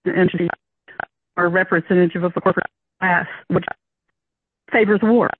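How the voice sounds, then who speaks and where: An older community caller giving public comment over a phone line that breaks up with clipping and tapping, speaking haltingly with many fillers. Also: medium pitch, steady tone, noisy background. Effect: breaking-up phone connection with clipping and tapping. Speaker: community caller at a board meeting. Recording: tinny, dry phone line.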